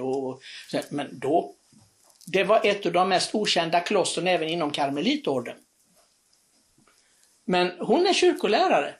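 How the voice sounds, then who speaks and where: Earnest, halting religious storyteller. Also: mid-range voice. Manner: earnest, animated retelling with many restarts and hesitations.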